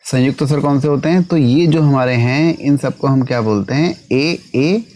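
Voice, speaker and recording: A man teaching an exam-prep lesson who asks the class questions, answers them himself and keeps adding a quick tag question. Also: mid-range voice, warm tone.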